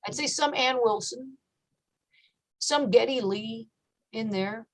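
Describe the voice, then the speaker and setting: This woman, a metal singer with a low voice, takes her time in a casual interview. She's relaxed and reflective, leaning on many filler words.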